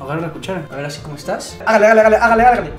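A young man from Peru chatting playfully to camera in a home vlog, joking around and bursting into excited shouts. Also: high-pitched, very fast. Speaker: vlogger. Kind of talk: casual chat to camera. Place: a house, indoors. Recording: roomy indoor sound with background music.

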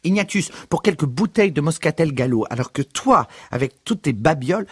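A man voicing a fussy, nagging working-class mother in a raised, shrill voice. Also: lively intonation, fairly quick, a bit bright, slightly rough, dry recording, studio quality. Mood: insistent nagging.

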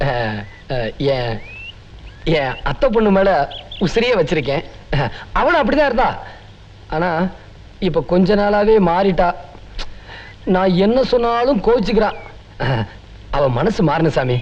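An actor playing a gullible village landowner who earnestly begs a swami for help in love. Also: male voice, sits high, a little slow, long pauses, muffled recording. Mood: pleading. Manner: pleading, lively and earnest.

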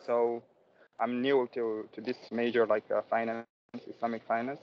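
Brief: young male student from Guinea, halting self-intro, dull call audio. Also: medium pitch, little pitch movement. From Guinea, West Africa. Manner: halting, repeats words, many fillers. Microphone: video call. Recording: dull video-call audio with faint noise.

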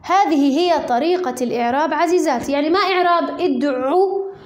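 High-voiced Levantine woman teaching grammar. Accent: Levantine Arabic. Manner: asks the class questions and answers them herself; dictates slowly, word by word, as she writes. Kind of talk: recorded classroom grammar lesson. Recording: echoey roomy recording.

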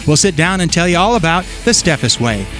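A man's voice: on the high side, sing-song, fairly quick, fairly bright tone, soft background music. A man speaking for an auction company in a commercial, friendly and plain-spoken. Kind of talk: conversational commercial.

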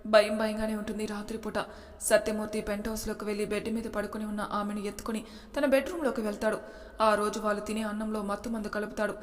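A woman reads a story aloud in a steady, matter-of-fact manner, her pitch staying flat and even. Her voice sits in a long, hall-like reverb. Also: quick pace. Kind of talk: audiobook narration.

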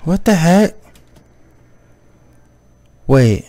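A man playing a horror game and reacting out loud, jumpy and exclaiming as he talks to himself. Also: fairly high pitch, very animated, drawn-out words, no echo. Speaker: gaming video host. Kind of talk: let's play commentary on a horror game.

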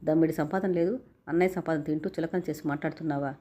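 Sharp-tongued college girl, read by a woman. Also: deep voice, fairly even intonation, fast. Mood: scolding. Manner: sharp, scolding. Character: outspoken college-age sister, self-declared feminist.

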